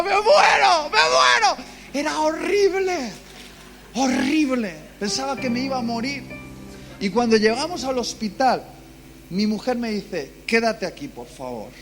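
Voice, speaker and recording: Spanish-accented man, live church sermon, dramatic storyteller; higher voice, clear piano under him. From Basque Country, Spain. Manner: dramatic storytelling, acting out cries of pain. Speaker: preacher.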